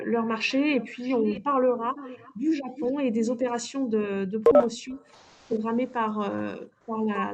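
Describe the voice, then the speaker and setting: A woman presenting in a webinar through a face mask, slightly muffled, with a polite, measured delivery broken by pauses. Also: on the high side, a little mellow. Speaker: trade office presenter.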